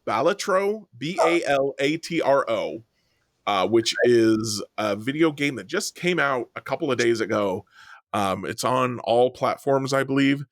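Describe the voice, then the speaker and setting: A man's voice: medium pitch, animated, a little slow, dry recording, clean studio sound. A man co-hosting a sports podcast, explaining things in a rambling casual way with many ums and restarts. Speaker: podcast co-host. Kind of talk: casual chat.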